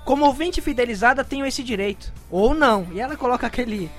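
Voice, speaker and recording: A man's voice: very high voice, animated, fast talker, faint music behind. A man in his twenties co-hosting a podcast with casual banter, playfully exclaiming as he reads listener comments. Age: 20s.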